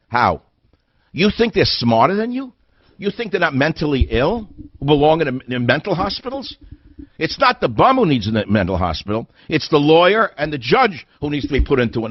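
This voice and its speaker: A man's voice: mid-range voice, no echo, muffled recording. An older man hosting a radio talk show, delivering an indignant monologue full of hammering rhetorical questions. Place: radio studio.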